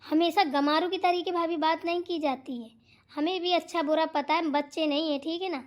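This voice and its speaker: A woman voicing a lazy, quarrelsome sister-in-law in a cartoon, sharp, rude and always complaining. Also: very high-pitched, fairly even intonation, fairly quick. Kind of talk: cartoon voice acting.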